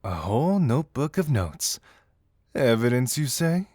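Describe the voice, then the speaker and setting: A man with a medium-pitched voice, very animated and a little slow, plays a playful young male detective in an audio roleplay, recorded with clean, echo-free studio sound. Teasing and intrigued, he muses theatrically to the listener with humming and soft chuckles.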